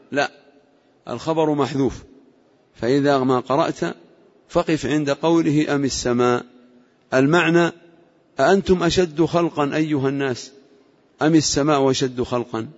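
A man gives a measured lesson on the meaning of scripture, explaining step by step and pausing to question his students. His voice sits at an ordinary pitch for a man. The recording is dull and lo-fi, with a long echo from a large hall. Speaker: Islamic scholar teaching Quranic exegesis.

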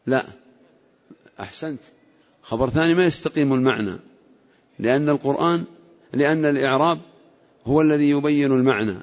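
A man's voice: mid-range voice, fairly quick, pauses often. A man teaching a classroom lesson on Quranic exegesis, explaining carefully and quizzing his students on grammar. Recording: lo-fi recording in a reverberant hall.

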